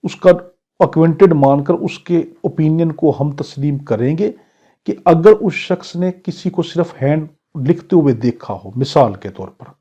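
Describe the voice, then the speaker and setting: A warm, expressive, slightly high male voice with a breathy edge teaches law for exams, in a Pakistani accent. He reads English clauses slowly, explains them in Urdu, and asks and answers his own questions with examples. The lecture recording is lo-fi and dull.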